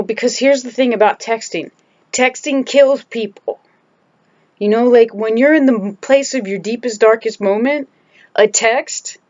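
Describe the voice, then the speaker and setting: A woman's voice: on the high side, darkish tone, dry recording, muffled recording. Candid, emphatic woman's home vlog. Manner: candid and emphatic, restarts and trails off. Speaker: vlogger. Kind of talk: casual personal video diary.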